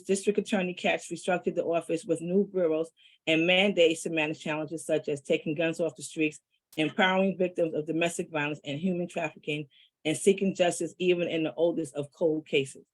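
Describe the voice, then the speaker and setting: A woman's voice: on the low side, low-quality recording. A woman hosting an online meeting reads a prepared introduction of the guest speaker, with a few "um" fillers at the start. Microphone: video call.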